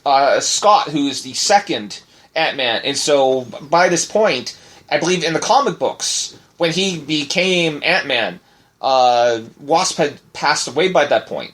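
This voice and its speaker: A man's voice: a little high, a bit bright. A married man co-hosting a casual podcast, rambling through news with lots of fillers and restarts. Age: adult, married. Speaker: podcast co-host.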